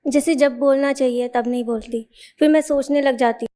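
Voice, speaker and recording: A young woman in the audience asking a question into a handheld mic, soft-spoken and hesitant. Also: sits high, fairly even intonation, normal speed. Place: large hall at a festival.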